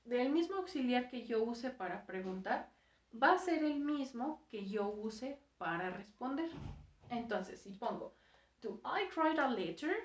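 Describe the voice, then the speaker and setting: A woman gives a recorded grammar lesson in a raised, fairly high voice, walking her students through each step and dropping "ajá" between points. The sound is dull and lo-fi, with the echo of a bare room around her. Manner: explains step by step, often fills with "ajá". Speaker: English teacher.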